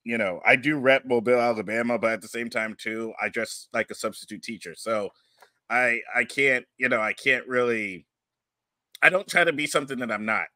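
Middle-aged podcast host guy, super bright voice, easygoing chat with lots of ums, dry home studio sound. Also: medium pitch, fairly quick, dry recording. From Pennsylvania. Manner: relaxed, chatty, with many fillers. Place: home studio room with posters. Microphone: studio mic on a boom arm with headphones.

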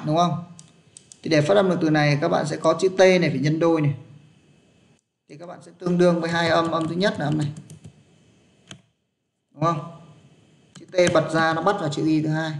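A man's voice: a little high, gravelly. A man, teaching an English pronunciation class online and patiently checking that his students are following.

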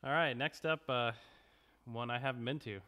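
A man co-hosting a podcast, presenting each item in an upbeat, steady way. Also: mid-range voice, normal speed. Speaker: podcast co-host. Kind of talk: casual chat.

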